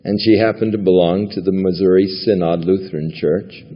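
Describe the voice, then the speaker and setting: In a church sanctuary, a male pastor delivers a sermon, teaching the Bible in a chatty way with occasional chuckles. He speaks at normal speed in a low, steady, slightly rough voice, captured on a lo-fi recording with long hall reverb.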